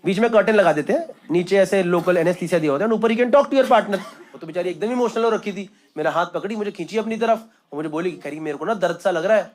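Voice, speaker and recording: A man's voice: high voice, fast, few pauses. A man performing stand-up comedy on stage, telling a story conversationally and acting out the other people in it. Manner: conversational, acts out quoted voices. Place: comedy stage before a live audience. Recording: live show, loud audience laughter. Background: crowd laughing.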